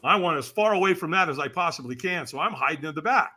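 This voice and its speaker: A man's voice: on the high side, lively intonation, fast talker, bright, forceful tone. A man in his sixties from California, a podcast guest telling a story with energy, acting out the voices he quotes and laughing as he goes. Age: 60s. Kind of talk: animated storytelling.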